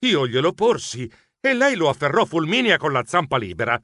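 A man's voice: on the high side, sing-song, a little fast, sharp tone, no room sound, clean studio sound. A man narrating as an anxious, stammering mouse. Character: anxious, clumsy male mouse hero narrating. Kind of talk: expressive audiobook narration.

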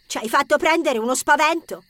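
A woman's voice: sits high, very animated, moderate pace, bright, forceful tone, no echo, full character voice. A woman voicing a decisive teenage boy who leads the group, speaking with resolve, in an audiobook story. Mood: resolute. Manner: resolute, urgent. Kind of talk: audiobook character acting.

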